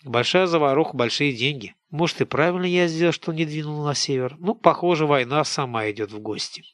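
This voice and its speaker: A man narrating an audiobook in scripted, expressive storytelling narration. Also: a little high, brisk, no room sound.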